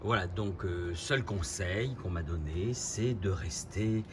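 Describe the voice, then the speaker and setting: A man with a fairly low voice narrates his day at home in a relaxed, matter-of-fact way. He talks like someone keeping a personal diary, recorded on a phone. There is a faint hum of room ambience. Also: slow. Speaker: vlogger. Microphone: iPhone.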